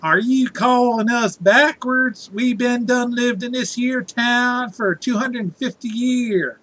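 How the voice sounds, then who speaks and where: A man's voice: extremely high pitch, takes it slowly, a bit bright, voice pushed up, full character voice. A man voicing a proud, folksy small-town character with an exaggerated Alabama accent, drawling and using mangled grammar. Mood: mock-proud.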